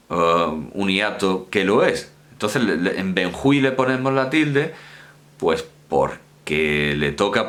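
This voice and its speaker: A fairly low-voiced man lectures on grammar in a loose, chatty way. His pitch swings widely as he stresses words, doubles back to correct himself and repeats key terms. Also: fairly bright tone. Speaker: university lecturer. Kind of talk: informal university lecture.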